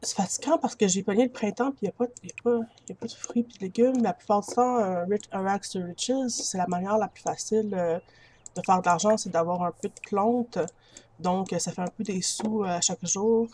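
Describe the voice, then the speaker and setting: Here a woman gamer talks briskly in a dark-toned, mid-range voice with a Quebec French accent. She laughs easily and chats with her viewers like friends while playing, recorded on a built-in computer mic that adds a little hiss or hum.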